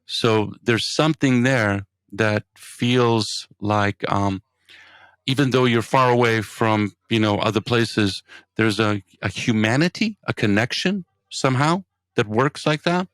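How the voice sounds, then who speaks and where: A man's voice: medium pitch, unhurried, fairly bright tone, smooth, no echo. A man who hosts radio, asking thoughtful interview questions in a hesitant, word-searching manner.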